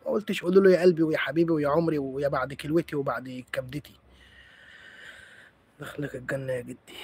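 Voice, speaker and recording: A man's voice: fairly high pitch, husky. A man with an Egyptian accent hosting a live stream, chatting playfully with viewers and teasing them as he answers comments. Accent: Egyptian Arabic.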